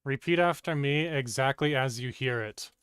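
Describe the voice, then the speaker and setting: A man with a smooth, crisp voice gives short, patient instructions in a calm, steady way. He sounds like a streamer coaching someone through a task. The sound is dry and close, with no room echo. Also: medium pitch, normal speed.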